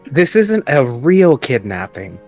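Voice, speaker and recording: A man's voice: mid-range voice, very animated, slow, darkish tone, faint music behind. A man playing his character in a tabletop game, coaxing and scheming in a playful way. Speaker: player.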